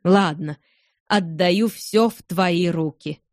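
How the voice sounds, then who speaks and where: Shy young farmer in love, hesitant and slow, soft dark tone, read by a woman. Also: on the low side, no room sound, clean studio sound. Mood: worried.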